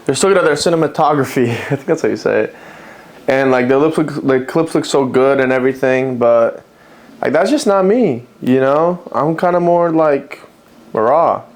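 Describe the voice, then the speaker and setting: A man's voice: medium pitch, animated, normal speed. A man talking casually to camera as a fitness vlogger at home, rambling with fillers and self-corrections. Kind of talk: casual vlog chat.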